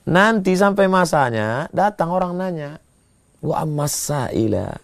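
Gravelly-voiced man preaching a sermon. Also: on the high side, lively intonation. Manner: swings from slow drawn-out chanting to quick emphatic scolding. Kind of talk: sermon with Quran recitation.

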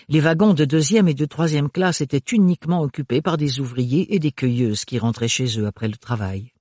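A male narrator reads a novel in a steady, measured way. His voice sits slightly high for a man and is recorded dry and close, with no room sound. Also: no echo. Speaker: audiobook narrator. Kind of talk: scripted narration.

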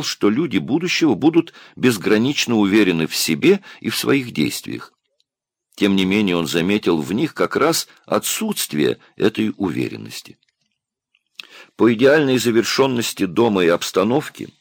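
A man narrating a science fiction audiobook in an expressive storytelling manner. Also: fairly low pitch, slightly rough, no room sound, clean studio sound. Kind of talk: scripted narration.

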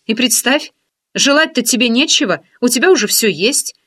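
A woman voicing a brash, talkative female friend who teases and scolds in a lively, bossy way, in an audiobook. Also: a little high, normal speed, slightly rough. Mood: teasing. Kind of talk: audiobook character voice.

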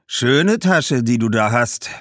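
Man doing a gruff haggling shoemaker. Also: mid-range voice, animated, slow, a bit bright, no echo, clean studio sound, voice pushed up. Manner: grumbling, skeptical, haggling. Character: gruff, shrewd middle-aged male shoemaker.

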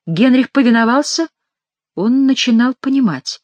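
A woman's voice: on the high side, expressive, moderate pace, darkish tone, dry recording, highs cut off. Woman reading an audiobook, dry. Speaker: audiobook reader. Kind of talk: scripted narration.

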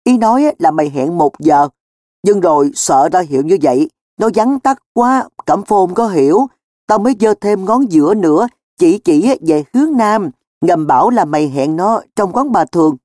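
A cheeky, defensive teenage boy in a storybook, voiced by a male reader. He talks high and loud, forever protesting his innocence. The sound is close, dry and mellow in tone. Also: expressive, moderate pace, no echo.

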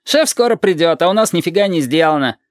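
The reader voices a gruff, impatient police inspector who grumbles orders to a junior officer in an audiobook. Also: male voice, fairly high pitch, lively intonation, quick pace, no room sound, clean studio sound, pitched above the performer's own voice, lightly acted. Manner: grumbling, bossy.

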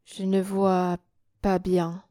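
A woman voicing a hypnotized prince who gives slow, halting answers in a trance in an audiobook. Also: fairly low pitch, monotone, mellow. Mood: entranced. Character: hypnotized prince, grown man, dazed and obedient.

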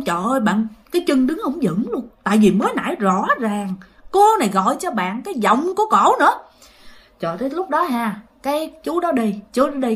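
A woman narrating a ghost story in an animated, exclamatory way. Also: high voice.

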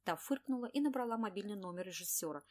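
A woman narrating an audiobook in an even, measured reading voice. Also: mid-range voice.

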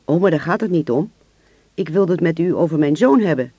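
A man voicing a calm, menacing middle-aged father who speaks politely and then in quiet threats. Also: on the high side, fairly quick, husky, no echo, lo-fi sound. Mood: pleading.

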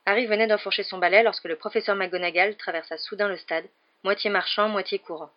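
A woman reading an audiobook in a steady, measured way, in a dull lo-fi recording. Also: mid-range voice. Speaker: audiobook reader. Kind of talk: audiobook narration.

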